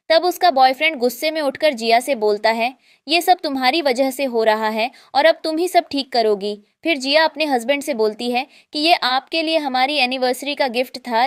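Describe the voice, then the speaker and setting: A woman retelling a drama plot as scripted narration, passing on each line of dialogue in an even voice without acting it out. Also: sits high, no room sound, studio quality. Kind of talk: scripted story recap narration.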